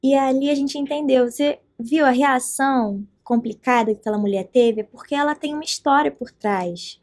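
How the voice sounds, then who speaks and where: Brazilian woman telling faith stories on a podcast, really high voice, animated and earnest. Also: moderate pace. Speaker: podcast guest. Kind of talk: faith testimony in a podcast conversation.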